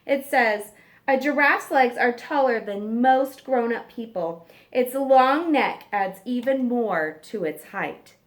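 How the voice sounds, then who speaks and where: A woman teacher with a fairly high-pitched voice reads a nonfiction book aloud to children. She stresses key words and pauses for simple questions and explanations.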